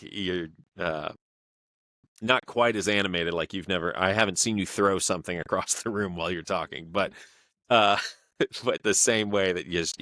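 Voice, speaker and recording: A man with a very low voice hosts a podcast in a casual back-and-forth. He tells long stories in a halting way, full of fillers and restarts, and the sound is close and dry. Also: fairly bright tone, no room sound. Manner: halting, filler-heavy storytelling. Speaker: podcast host.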